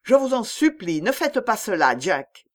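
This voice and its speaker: A woman's voice: mid-range voice, sing-song, a little slow, pitched above the performer's own voice. A woman reading an audiobook, voicing a pale, frightened young wife who pleads urgently with her husband. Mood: pleading.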